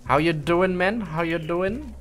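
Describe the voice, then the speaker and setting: A man's voice: high-pitched, slow pace, fairly bright tone. A young Dutch man with a Dutch accent giving joking, swear-filled game commentary and dropping into English and mock German. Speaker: gaming streamer. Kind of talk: casual gameplay commentary.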